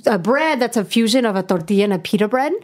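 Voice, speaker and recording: A young woman from Puebla, Mexico, hosting a podcast in casual interview chat, enthusiastic and quick to laugh. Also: medium pitch, lively intonation, darkish tone. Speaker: podcast host.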